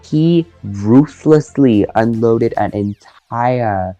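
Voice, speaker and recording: A man's voice: medium pitch, drawn-out words, mellow, dry recording, muffled recording, soft background music. Playful male recap show host. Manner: playful, campy, teasing. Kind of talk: casual recap chat.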